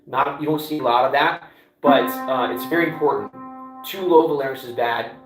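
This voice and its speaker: A man as a vocal coach, talking himself through a live warm-up and explaining each step as he goes. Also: mid-range voice, brisk. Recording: roomy, distant mic with loud piano. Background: piano playing.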